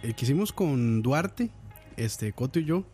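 A man's voice: medium pitch, expressive, measured pace, mellow, breathy edge, faint music behind. A man with a Costa Rican accent co-hosting a casual podcast, often restarting his sentences. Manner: hesitant, restarts, uses 'mae'. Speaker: podcast co-host. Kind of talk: casual chat.

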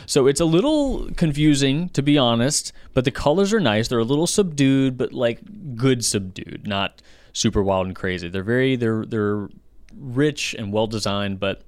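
A man co-hosting a casual podcast chat, getting animated and jumping up in pitch when excited. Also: moderate pace, no room sound. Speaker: podcast co-host.

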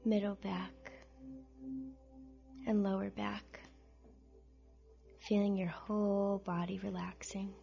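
A woman narrating a scripted guided relaxation in a soft, breathy near-whisper, with gentle, soothing instructions and pauses. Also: mid-range voice, level tone, dull audio. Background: soft music.

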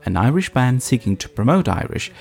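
A man's voice: medium pitch, very animated, brisk, creaky, a little mellow, faint music behind. A man presenting scripted documentary narration, explaining things and addressing the listener directly. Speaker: host, narrator.

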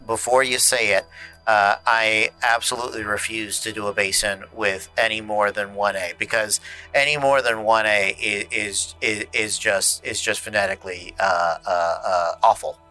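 Guy doing a nasal fussy goblin, rambles, acts offended, real bright tone. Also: fairly low pitch. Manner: fussy, rambling, mock-indignant. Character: quirky nasal male goblin hoarding shiny junk.

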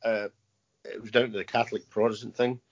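A man in his fifties speaks in a fairly low voice, pausing often and repeating words as he answers questions. The audio is muffled and lo-fi, as on a remote interview recording. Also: flat delivery. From Scotland. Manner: halting, repeats words, many "uh" fillers. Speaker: guest, army veteran. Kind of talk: casual interview.

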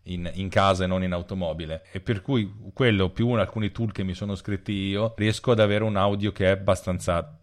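A man appearing as a programmer guest on a podcast explains things freely in casual conversation, often restarting and trailing off. His voice is deep and steady, and he speaks briskly.

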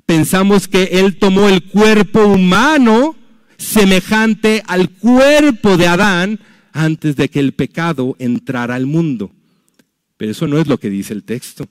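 Dramatic male preacher with a slightly high voice. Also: lively intonation, a little slow, smooth, no room sound. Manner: dramatic storytelling with sudden drops to a hush. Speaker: pastor. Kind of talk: sermon.

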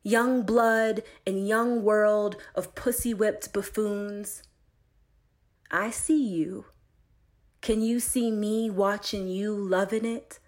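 A poet recites her own work very unhurriedly in a mid-pitched voice with fairly even intonation. Each phrase is laid out deliberately, separated by pauses.

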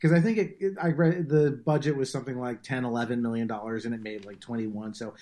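A man hosts a casual film podcast and talks in a loose, chatty way. He restarts his sentences often and keeps saying "like." His voice sits at a mid pitch. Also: fairly even intonation, quick pace, dark tone. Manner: chatty, with frequent restarts and likes.

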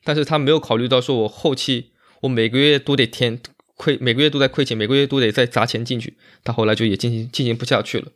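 Guy being interviewed, talks quick, explains stuff casually, repeats himself to make the point. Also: mid-range voice, steady tone, fairly bright tone. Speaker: interview guest, magician and bar owner.

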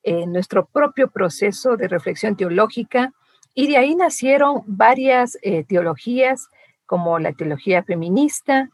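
A woman with a Latin American Spanish accent acts as co-interviewer, laying out thoughtful questions. Her voice has a middle pitch and is captured very dry, with no room sound. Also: expressive, a little slow, no echo.

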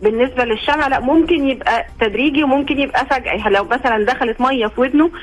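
A woman's voice: sits high, racing, faint music behind, low-quality recording. A female doctor with an Egyptian Arabic accent, giving explanations as a radio guest and checking that her listener follows along. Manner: explanatory, checks understanding with "okay?".

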